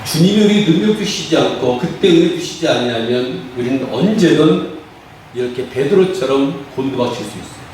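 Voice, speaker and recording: A man's voice: a little high, lively intonation, moderate pace, darkish tone, slight background noise. A man preaching a sermon as pastor, asking his congregation rhetorical questions and acting out quoted prayers. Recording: echoey hall from far off.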